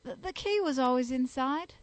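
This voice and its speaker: A woman's voice: high voice, lively intonation, no echo, pitched above the performer's own voice. A woman reading an audiobook, voicing a distraught landlady who sobs and stammers through her answers. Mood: sobbing. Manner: tearful, halting. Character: distraught older landlady, sobbing.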